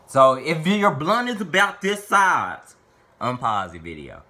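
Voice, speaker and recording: Fairly high-pitched, bright and forceful, this man sounds very animated while keeping a measured pace. In a small bedroom, the twentysomething from Little Rock, Arkansas casually answers fan questions to camera, rambling with playful profanity.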